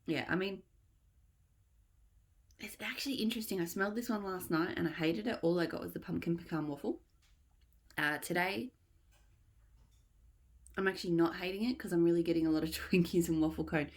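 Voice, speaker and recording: A woman's voice: on the low side, brisk, long pauses. A woman vlogger chatting casually and rambling a little as she reviews products, thinking aloud as she goes. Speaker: vlogger reviewing wax melts. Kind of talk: casual haul review chat.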